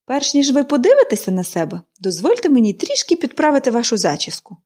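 A woman's voice: high-pitched, huge pitch swings, fast talker, warm tone, exaggerated voice. A woman voicing a cheerful, chatty young girl in an audiobook reading, gushing and eager.

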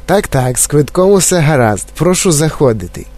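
Willy Wonka, a man putting on a high, flute-clear gushing voice. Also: normal speed. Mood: gushing, excited. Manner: effusive, bubbling with excitement. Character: eccentric gushing male chocolate-factory owner. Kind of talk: audiobook character voice.

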